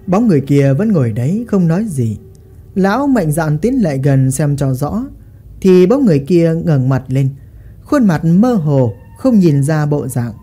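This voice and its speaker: A woman narrating a ghost story in a dramatic, expressive way. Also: low-pitched, normal speed, breathy edge, soft background music.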